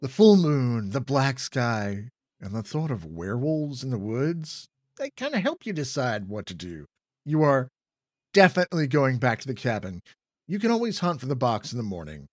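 A man reading a children's horror gamebook aloud in a dramatic, drawn-out storytelling manner. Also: mid-range voice, very animated, dry recording, studio quality. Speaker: reader.

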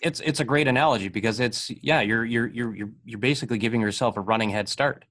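A man's voice: medium pitch, fast talker, fairly bright tone. A man hosting an interview podcast, encouraging his guest, with stammering restarts. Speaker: podcast host. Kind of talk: casual interview chat.

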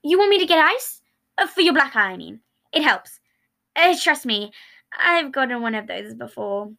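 A woman's voice: fairly high pitch, animated, creaky, pushed and bright, full character voice. A woman doing a manic morbid young man. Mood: eager. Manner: blurts rapid gory jokes, stumbling. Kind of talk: fan fiction read aloud.

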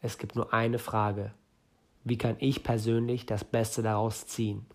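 A man's voice: on the low side, little pitch movement, a little slow, darkish tone. A man in his late twenties from northern Germany, hosting a solo podcast and giving listeners direct career and startup advice. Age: 20s. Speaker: podcast host.

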